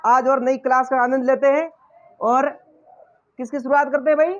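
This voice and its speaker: A man's voice: very high voice, flat delivery, moderate pace, highs cut off. A male teacher giving a lesson, quizzing the class with repeated questions and then answering them himself. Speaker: English teacher.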